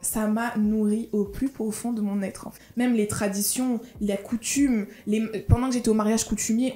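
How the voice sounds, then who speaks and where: A woman in her twenties from France and Gabon, with a French accent with touches of Marseille and Gabon, talking straight to her viewers in a casual personal vlog. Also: medium pitch. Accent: French, mixed Marseille and Gabonese touches. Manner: fast, lively, chatty, addresses viewers directly. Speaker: vlogger. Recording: roomy room echo, faint music.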